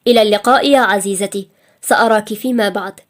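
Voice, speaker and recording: A woman's voice: medium pitch, steady tone, fast talker, natural voice. A woman voicing an affectionate young man who talks in a coaxing way.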